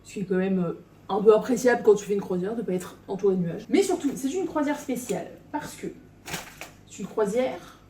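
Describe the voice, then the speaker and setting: Une vlogueuse qui parle de façon décontractée et hésitante, enregistrée chez elle dans un appartement avec une caméra posée à distance. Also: female voice, medium pitch, expressive, a little fast, dark tone. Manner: rambling, many hesitations. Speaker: travel vlogger. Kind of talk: casual vlog monologue. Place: apartment indoors. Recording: echoey room, from far off, faint noise.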